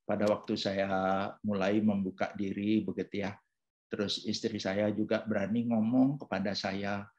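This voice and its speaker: A man in his fifties sharing a personal testimony in a relaxed, conversational church talk, with many fillers. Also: on the low side, moderate pace. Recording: dull lo-fi sound.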